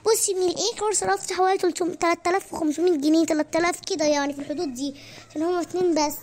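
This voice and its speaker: A performer voicing a dramatic, scheming Egyptian housewife, with an Egyptian accent, pleading and bossy by turns. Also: female voice, very high-pitched, steady tone, very fast, darkish tone, a little hiss or hum. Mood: chatty. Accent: Egyptian Arabic. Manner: whiny pleading, then bossy.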